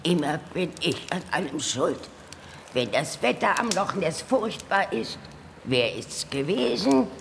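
A woman's voice: fairly low pitch, big pitch swings, a little slow, creaky, background noise, exaggerated voice. A woman playing a lonely, aggrieved female lake monster in a children's audio drama, with a dramatic, self-pitying manner.

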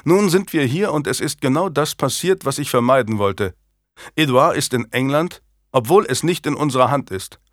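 A man's voice: medium pitch, animated, normal speed, no echo, studio quality, pitched above the performer's own voice, lightly acted. A man voicing a scornful, imperious middle-aged queen in a historical audiobook, speaking sharply and mockingly. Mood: bitter.

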